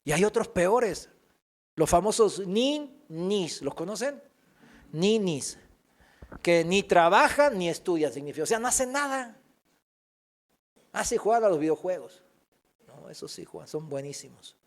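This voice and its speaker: Male pastor with a high voice, animated sermon delivery with comic put-on voices. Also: measured pace, long pauses. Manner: animated preaching, acts out whiny voices for comic effect. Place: church.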